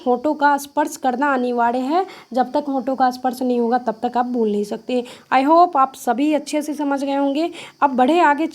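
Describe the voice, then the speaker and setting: High-voiced woman teaching a grammar lesson. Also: darkish tone. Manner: asks questions and answers them herself, repeats key points; mixes English words into explanations. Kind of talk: exam-prep grammar lesson.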